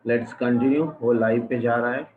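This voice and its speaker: A man's voice: mid-range voice, fairly even intonation, unhurried, a little hiss or hum. A man with an Indian accent, an online college lecturer who repeats definitions while mixing English and Hindi, his voice carrying a doubled, cave-like echo. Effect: doubled, cave-like echo on the call audio. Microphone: computer or phone mic on a video call. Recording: echoey, phone-like online class audio.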